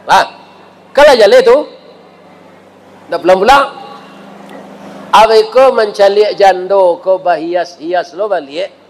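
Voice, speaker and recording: A man's voice: high voice, gravelly, poor audio. A man preaching a humorous sermon with a Minangkabau accent, joking and telling stories with asides to the audience.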